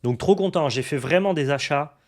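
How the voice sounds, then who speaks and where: This card collecting YouTuber is a young man whose voice sits a little high, with a darkish tone and a normal pace. Talking to the camera about his card purchases, he's chatty and excited, often restarting and filling pauses.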